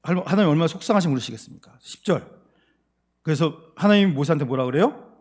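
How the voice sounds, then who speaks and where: A male pastor teaches scripture in a sermon-style Bible lecture. His voice sits slightly high for a man. He keeps asking his listeners questions and swings between forceful emphasis and hushed remarks. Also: animated, fast talker. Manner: engaging, with frequent rhetorical questions to the congregation; dramatic rise and fall in loudness for emphasis. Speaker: senior pastor.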